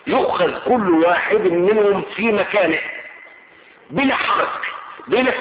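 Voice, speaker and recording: Male preacher, high voice, slow emphatic repetitions; roomy radio sound with faint hiss. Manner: measured, emphatic, drawn-out repetitions. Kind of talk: Quranic exegesis sermon. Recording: echoey tinny radio broadcast.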